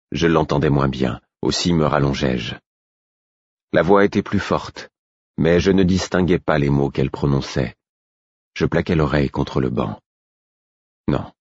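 A man reads a novel aloud in the first person, his voice sitting extremely low and husky. His delivery is measured and introspective. The recording is dry and slightly dull. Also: darkish tone, no echo. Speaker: audiobook narrator. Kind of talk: scripted first-person narration.

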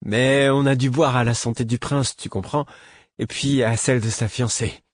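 Man reading as a giddy drunk young apprentice, high-pitched, eager and exuberant, husky edge, dry close sound, storybook. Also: fairly even intonation, moderate pace, dry recording, close to an everyday voice. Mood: tipsy joyful.

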